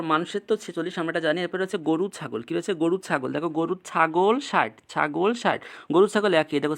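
Tutor drilling mnemonics with constant quizzing. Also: mid-range voice. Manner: repeats each point, quizzes with quick rhetorical checks. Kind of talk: casual mnemonic lesson.

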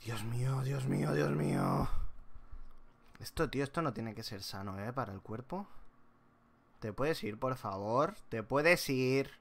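A man's voice: mid-range voice, big pitch swings, measured pace, creaky, pauses often. A man with a Spanish accent from Spain, commenting on a horror game as he plays it, scared, muttering and yelping. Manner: jumpy, scared and muttering, with sudden yelps. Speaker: gameplay youtuber.

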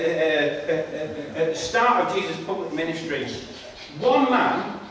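A man's voice: high voice, a bit bright, slight background noise. A man preaching a sermon, emphatic and repetitive, often restarting his phrases. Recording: echoey hall, voice from far off.

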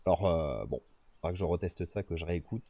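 A low-pitched, dark-toned man speaks at a quick pace with animated delivery in a dry recording. Streaming outdoors in nature, he chats casually to himself and his viewers as he tinkers with his noise-gated streaming microphone.

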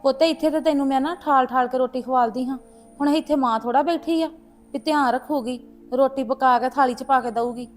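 A woman's voice: high voice, fairly even intonation, a little fast, faint music behind, close to an everyday voice. A woman playing a mother who gives her son motherly advice over the phone in a web series drama. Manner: motherly, advising.

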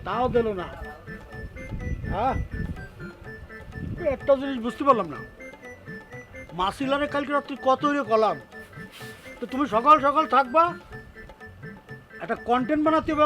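An actor playing a hot-tempered, blustering village YouTuber husband in a TV comedy drama. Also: male voice, extremely high pitch, sharp tone, heavily acted. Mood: grumbling. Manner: bluster and threats in a rustic voice.

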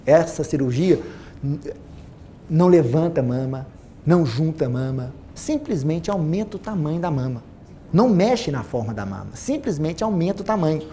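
Animated Brazilian man lecturing on stage. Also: fairly high pitch, moderate pace, a little hiss or hum. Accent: Brazilian Portuguese, Minas Gerais. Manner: animated, repeats phrases for emphasis, acts out patients' quotes. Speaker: plastic surgeon giving a talk. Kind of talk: lively seminar talk to an audience. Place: auditorium stage with a large audience. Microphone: lapel mic.

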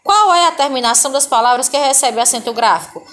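Patient high-voiced Brazilian teacher. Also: female voice, fast talker, a bit bright. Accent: Brazilian Portuguese. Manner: patient, reads word lists aloud, checks in with "certo?". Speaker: primary school teacher. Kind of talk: recorded online class walkthrough.

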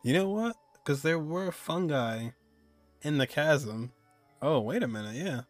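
Streaming a video game from his desk indoors, a man in his twenties offers casual, joking, slangy reaction commentary. His voice is on the high side and animated, a little slow, with faint music in the background.

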